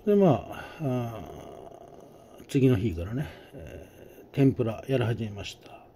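A man's voice: medium pitch, sing-song, takes it slowly, vocal fry, warm tone, slight background noise. A middle-aged man with a Kansai accent, telling a casual anecdote in a chatty, folksy way and acting out the voices. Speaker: storyteller host.

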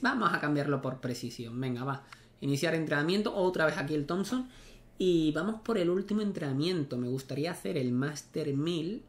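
A young man, chatting casually as he plays a tennis video game, thinking aloud and swearing at misses. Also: on the high side. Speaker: gaming streamer. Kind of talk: casual gameplay commentary.

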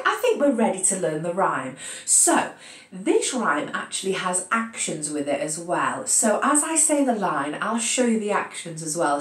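A British woman music teacher leading a children's lesson, encouraging them and chanting a rhyme in a slow, steady beat. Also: fairly low pitch. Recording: echoey room from a distance.

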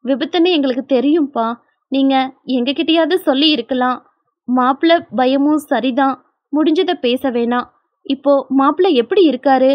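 A woman voicing a calm, forgiving middle-aged mother who speaks gently and reassuringly, in a dry storybook recording. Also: sits high, moderate pace, no room sound, muffled recording, close to an everyday voice.

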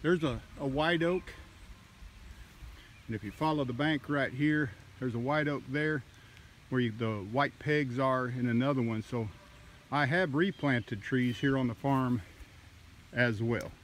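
Slow-talking man touring his farm. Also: mid-range voice. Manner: slow, unhurried, halting with fillers. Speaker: farmer vlogger. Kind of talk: casual walking tour narration. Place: outdoors on a wooded farm. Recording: faint outdoor noise.

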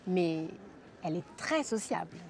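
A young woman speaks slowly in a mid-range voice as a student in a scripted drama, light and teasing. The sound is faintly noisy, like an outdoor café terrace. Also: on the low side, expressive, vocal fry, a little mellow. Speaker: student in a language-course drama.

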